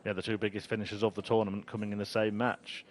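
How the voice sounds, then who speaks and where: A man's voice: on the low side, little pitch movement, quick pace. A man giving analytical live commentary on a darts match. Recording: loud background noise.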